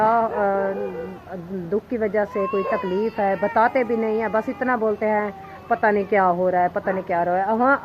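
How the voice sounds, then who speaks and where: A woman's voice: mid-range voice, highs cut off, a little hiss or hum. A woman vlogging at her village home, talking in a soothing, pleading way and speaking to viewers with heartfelt emotion, recorded on a handheld camera. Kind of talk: casual vlog talk to camera.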